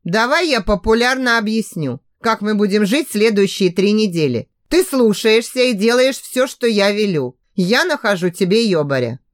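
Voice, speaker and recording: A cocky young guy who bosses people around and drawls lazy teasing lines, as a woman reader plays him in her own lively voice. he sounds dry and close up, like it's recorded in a dead studio. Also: medium pitch, moderate pace, hardly any pauses, no room sound, natural voice. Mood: bossy serious. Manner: lazy, commanding.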